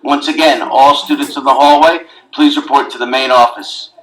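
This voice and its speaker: A man making a formal school announcement over a PA loudspeaker, giving firm, measured instructions. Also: medium pitch, steady tone. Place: classroom, speaker mounted in the room. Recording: echoey loudspeaker heard from across a classroom.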